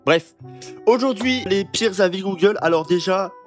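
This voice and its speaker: A young man doing casual, joking reaction commentary for viewers, slangy and animated. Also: high-pitched, normal speed, soft background music. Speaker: YouTuber reacting to reviews.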